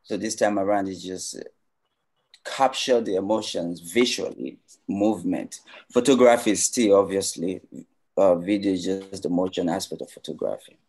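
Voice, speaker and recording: Nigerian man, video director guest, very low voice, laid-back storyteller over a video call. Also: moderate pace, breathy edge. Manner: relaxed, conversational storytelling. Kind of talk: casual interview answers.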